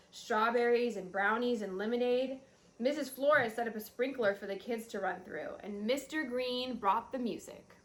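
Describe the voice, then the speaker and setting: A woman with a fairly high voice reads a children's picture book aloud, telling the story expressively.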